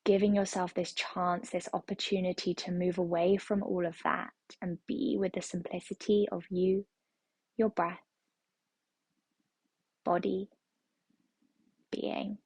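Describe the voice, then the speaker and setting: A woman leads a guided meditation in a slow, soothing, repetitive way. Her low voice is husky and gravelly, and it stays close and dry. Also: little pitch movement, darkish tone, dry recording. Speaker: yoga teacher.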